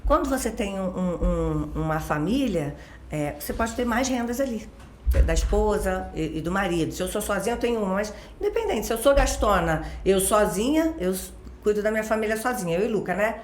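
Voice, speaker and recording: A woman's voice: mid-range voice, lively intonation, fairly quick, reverberant. A woman with a Rio de Janeiro accent, a guest expert explaining things in casual chat with everyday examples and constant tag questions. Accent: Rio de Janeiro Portuguese. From Brazil, born in Minas Gerais.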